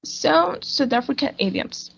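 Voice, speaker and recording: Slow-reading woman, gravelly lo-fi. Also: high voice, expressive. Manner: slow, careful reading with small restarts. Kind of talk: read-aloud school presentation.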